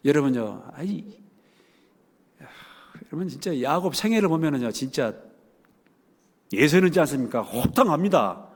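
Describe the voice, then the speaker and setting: A middle-aged man with a Jeolla accent preaches in a church sanctuary, his fairly high voice swinging up and down with lively emphasis. He jokes and fires rhetorical questions at the congregation. A long reverb from the hall hangs behind every word. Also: moderate pace, pauses often. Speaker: pastor. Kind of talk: sermon.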